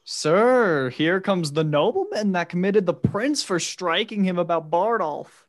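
A man voicing a quick, cheeky young page boy who reports back to his master. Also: high-pitched, very animated. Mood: pert. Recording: tinny phone-like sound in an echoey room.

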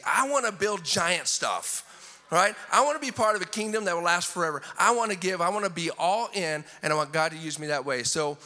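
Male pastor, bright tense voice, fairly high, enthusiastic sermon, long church-hall reverb. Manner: animated, enthusiastic, repeats words when excited.

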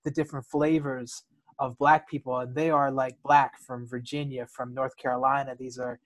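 A man from the United States, a guest in conversation, talks candidly about his own life. His voice is medium-pitched and level at a normal speed, and he sometimes repeats words while searching for the right phrasing.

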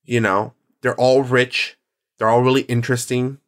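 A man's voice: mid-range voice, little pitch movement, normal speed. A male podcast host chatting casually and enthusiastically, often rambling and correcting himself as he goes. His delivery is loose and conversational, with fillers throughout. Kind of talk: casual chat.

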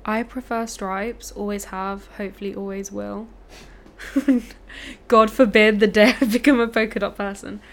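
A woman's voice: medium pitch, steady tone, unhurried. A woman from Punjab, an artist, chatting playfully and bluntly about art and taste. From Punjab, India. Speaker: artist, podcast guest. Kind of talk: casual chat.

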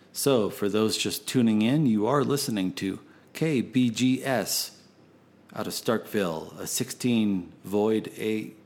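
A man with a lowish voice hosts a late-night radio show. He rambles between records in a folksy, theatrical style and swears freely on air.

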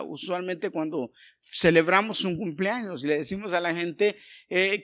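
A man's voice: high voice, a bit bright. A middle-aged man, a pastor, preaching a conversational sermon and telling personal stories, often restarting his words.

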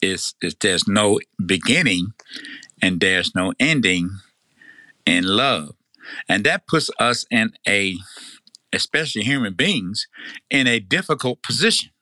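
A man's voice: on the low side, expressive, measured pace, sharp tone, dry recording. An older man with a Tennessee Southern accent, chatting casually in hesitant, folksy phrasing. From Tennessee, United States. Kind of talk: casual chat.

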